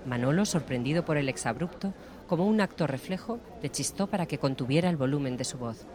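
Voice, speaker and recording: A man narrating an audiobook in a steady, measured storytelling voice. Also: a little high, a crowd in the background. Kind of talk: scripted narration.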